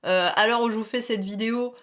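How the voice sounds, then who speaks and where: A woman's voice: a little high, fairly even intonation, a little fast, a bit bright. A young woman doing a casual tarot reading, talking chattily, laughing often and dropping English slang. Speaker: tarot reader.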